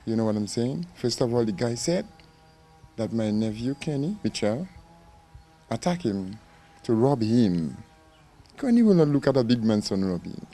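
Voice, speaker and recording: A man's voice: mid-range voice, big pitch swings, moderate pace, long pauses, dark tone, soft background music. A middle-aged man, speaking with passion and repetition in a news interview. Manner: impassioned, repetitive. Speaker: interviewee, victim's uncle.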